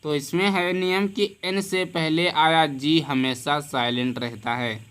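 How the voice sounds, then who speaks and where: A man's voice: fairly high pitch, steady tone, fairly bright tone, smooth. A man teaching a lesson on English words, asking the class questions and answering them himself. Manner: repeats key words slowly and deliberately. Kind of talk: classroom lesson explaining word rules.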